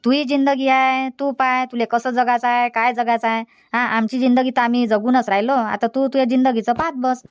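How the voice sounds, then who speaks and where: Chandrakala, a high scolding village mother voiced by a woman. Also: fairly even intonation, a little fast, clean tone, muffled recording, natural voice. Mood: sarcastic. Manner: scolding, repetitive, dismissive. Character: scolding elderly village mother, bitter and stubborn. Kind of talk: cartoon comedy dialogue.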